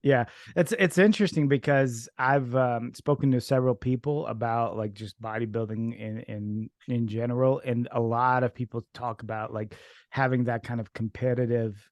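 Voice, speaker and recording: A man's voice: mid-range voice, fairly even intonation, normal speed, a little mellow, no room sound, clean studio sound. A man from Ukraine whose first language is Russian, hosting a casual podcast interview and rambling with many fillers and restarts. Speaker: podcast host.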